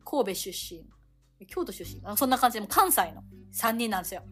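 A woman in her thirties co-hosting a podcast, telling stories in a rapid, very talkative casual chat. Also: on the high side, sing-song, fairly bright tone, faint music behind. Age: 30s. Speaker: podcast co-host.

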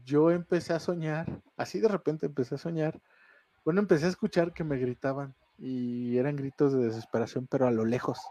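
A man's voice: a little high, steady tone, a little fast, warm tone, no echo. A man with a Mexican Spanish accent, co-hosting a casual podcast chat and telling a ghost story with slang and laughter. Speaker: podcast co-host.

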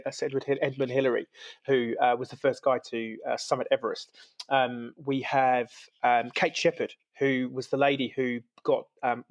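A man's voice: mid-range voice, lo-fi sound. A man originally from the UK, a podcast guest in casual conversation, talking with enthusiasm and laughing often. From United Kingdom. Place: lives in New Zealand.

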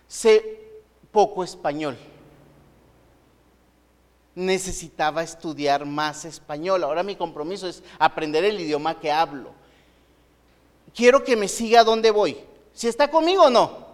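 Preacher, male, high voice, conversational sermon full of rhetorical questions, long reverb. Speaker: pastor.

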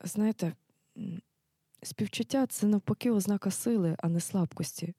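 A strict hospital nurse. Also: female voice, mid-range voice, moderate pace, mellow, slightly rough, no echo, studio quality. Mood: stern. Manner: firm, scolding, matter-of-fact. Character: strict night-shift nurse, commanding, caring.

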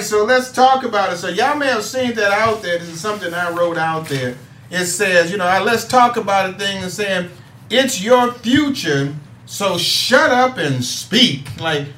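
A man's voice: high voice, bright, forceful tone, slight background noise. A man hosting a casual talk show who gets preachy and hammers his points with repeats. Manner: preachy, building to emphatic repeats. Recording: echoey room.

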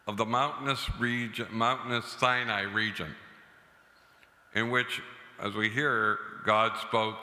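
Forceful priest in a cathedral-like echo. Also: male voice, lowish voice. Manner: deliberate, measured, solemn proclamation with pauses. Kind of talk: scripture reading and homily. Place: large church interior. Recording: echoey church with long cathedral-like reverb.

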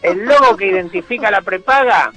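A man's voice: sits high, huge pitch swings, gravelly, sharp tone, soft background music. A man with a Rioplatense accent hosting a satirical radio monologue, mocking and sarcastic. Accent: Rioplatense Spanish. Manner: mocking, sarcastic, rapid-fire jokes. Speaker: radio host and humorist.

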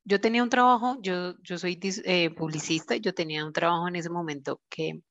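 Low-voiced woman telling her story. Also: steady tone, fairly quick, lo-fi sound. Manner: chatty, many fillers, acts out quoted dialogue. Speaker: interview guest, event decoration entrepreneur. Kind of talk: casual interview storytelling.

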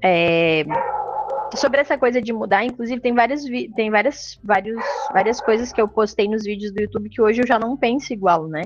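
A woman's voice: a little high, normal speed, muffled recording, music in the background. Casual reflective woman podcast host. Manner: casual, reflective, many fillers. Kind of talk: solo podcast chat.

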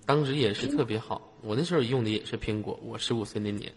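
A man's voice: medium pitch, fast, crowd noise. A man with a Northeastern Chinese accent hosting a live call-in show, chatting in a teasing, jokey way and often laughing. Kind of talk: joking casual chat with callers. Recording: long reverb, loud background noise.

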